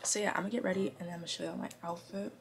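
A woman's voice: fairly low pitch, fairly even intonation, racing, creaky. A young woman with a bubbly sorority-girl manner, chatting casually to her vlog. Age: young adult. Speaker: vlogger, sorority member. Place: indoors, bedrooms, restrooms and meeting rooms. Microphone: handheld phone or camera nearby.

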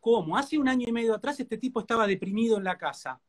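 Very high-pitched and quick, with lively intonation, a man with a Rioplatense accent tells his personal testimony in a live interview. He sounds like a sincere preacher, emphasizing things by repeating his words again and again.

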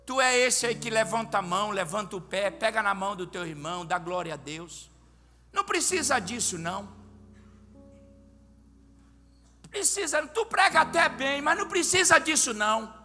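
A pastor voicing a big, gruff gaúcho churchgoer who scolds in a loud, blunt way. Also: male voice, high voice, expressive, takes it slowly, few pauses, pitched above the performer's own voice, heavily acted. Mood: scolding. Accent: gaúcho (southern Brazil). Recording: long church reverb, faint music.

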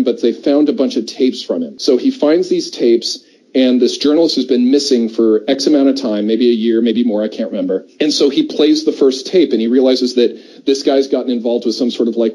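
A middle-aged American man co-hosts a podcast, chatting casually and explaining things at length in a discursive way. His medium-pitched voice is warm and husky, and the recording is rough.

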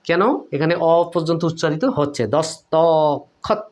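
A man teaching a spelling lesson, explaining step by step, asking his viewers questions and answering them himself, saying the example words over slowly. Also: on the high side, animated. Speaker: Bengali language teacher.

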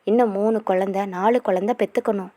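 A woman voicing a calm, joking old grandfather who reassures and teases his grandsons, in a storybook reading. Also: medium pitch, fairly quick, dry recording, close to an everyday voice. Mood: teasing.

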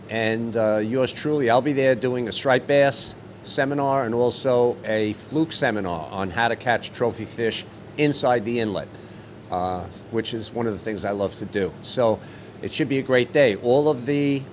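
Older guy doing a laid-back fishing update, handheld mic, some faint background noise. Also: mid-range voice. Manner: easygoing, chatty, many "uh" fillers. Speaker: fishing report host. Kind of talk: casual on-location report. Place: outdoors at docks, then inside a deli.

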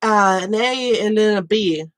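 A woman's voice: medium pitch, measured pace, dry recording. A woman with allergies chatting casually and self-mockingly while she plays music on a live stream. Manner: self-deprecating, swears, muttering while playing.

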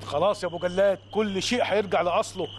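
Actor as a cryptic Egyptian village guard chief: fast, raised pitch. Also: male voice, steady tone, slight background noise, natural voice. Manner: cryptic, self-assured. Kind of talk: TV drama acting.

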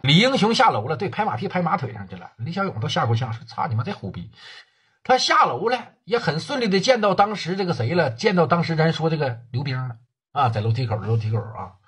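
A man's voice: fairly high pitch, very animated, quick pace, fairly bright tone, husky. A man telling a long gangland story for sleep, in colloquial and coarse speech with crude slang.

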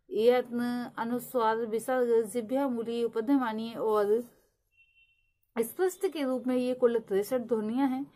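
A woman's voice: fairly high pitch, dark tone, poor audio. A woman teaching a lecture, explaining step by step and slipping English terms into her explanations. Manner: explains step by step, mixes English terms, slows to read English definitions.

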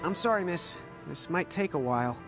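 Give me a laid-back young café guy for a video game. He is sarcastic and easygoing, with a lively voice that rises and falls freely. Game music plays loudly behind him. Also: a little high, normal speed.

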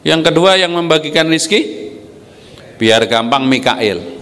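A man preaching an Islamic lecture with humor, his voice leaping high for emphasis. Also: lively intonation, a little slow, a bit bright. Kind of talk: lively religious lecture. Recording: long hall reverb.

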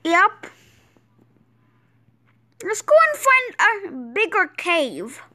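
Woman host, gameplay commentary, very high and bright voice, unhurried delivery, excitable and exclamatory. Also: dry recording, clean studio sound. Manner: excitable, exclaims often, restarts sentences.

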